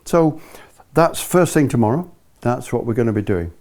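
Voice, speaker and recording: A man's voice: medium pitch, animated, normal speed, a little mellow. A British man giving an informal spoken lesson as a ski instructor, chatty and explanatory, checking in with his listeners.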